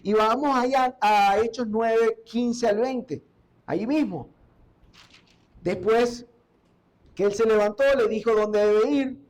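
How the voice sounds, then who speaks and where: A man's voice: sits high, slow, long pauses, rough recording. A male pastor giving a sermon. He reads scripture verse by verse and stops to explain it, asking the congregation rhetorical questions.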